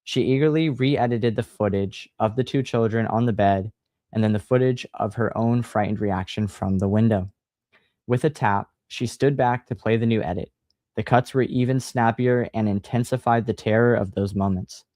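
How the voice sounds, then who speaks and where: A man hosting a livestream, chatting casually and reading a horror book aloud in a relaxed, sighing manner. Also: lowish voice, moderate pace, no room sound, clean studio sound. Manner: relaxed, sighing, laid-back.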